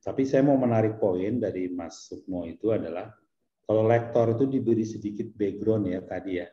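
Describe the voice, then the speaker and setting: Man, priest, easygoing teacherly explainer, low warm voice, muffled roomy sound. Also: normal speed. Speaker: priest giving a talk. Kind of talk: relaxed explanatory talk.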